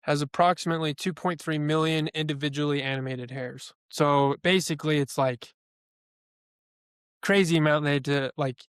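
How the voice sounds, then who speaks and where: A man's voice: on the high side, fairly even intonation, moderate pace, a bit bright, clean tone, no room sound, clean studio sound. A young man co-hosting a podcast in a casual, chatty way, sharing opinions and filling his talk with "like". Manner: chatty, opinionated, heavy use of "like". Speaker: podcast co-host. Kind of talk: casual chat.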